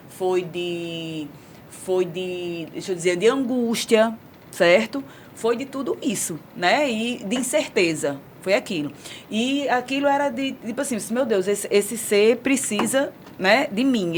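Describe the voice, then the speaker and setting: A woman's voice: mid-range voice, a little slow. A woman in her forties with a Northeastern Brazilian accent, chatting candidly as she tells a personal story on a local talk show. Her voice sits mid-range, and there is a faint hiss of noise under it. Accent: Northeastern Brazilian Portuguese. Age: 40s. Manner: candid, storytelling, animated retelling. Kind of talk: casual talk-show chat.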